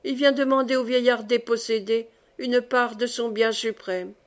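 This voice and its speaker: A woman's voice: fairly high pitch, steady tone, normal speed, close to an everyday voice. A woman reading the part of an old exiled nobleman, a doting father who speaks with fervent emotion. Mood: tender, brooding.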